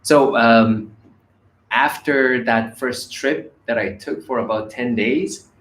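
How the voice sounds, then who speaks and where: A Korean man in his 30s tells his story in a casual vlog, with many fillers and restarts. His mid-range voice is a bit bright and steady, and he takes it slowly, recorded in an echoey room with faint ambience.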